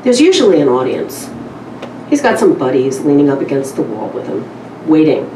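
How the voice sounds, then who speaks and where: Very animated yet wry and informal, a woman publisher with a lowish voice introduces and reads a story at a literary event, speaking at normal speed like someone reading among acquaintances. The small indoor venue echoes, the mic is far away, and background noise is clear.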